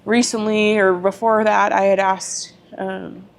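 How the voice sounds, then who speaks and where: A woman's voice: mid-range voice, little pitch movement, a little slow, vocal fry. A woman on a podcast telling her story openly and emotionally, acting out past conversations and cursing now and then. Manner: frank, occasional swearing. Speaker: podcast guest. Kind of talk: candid personal storytelling.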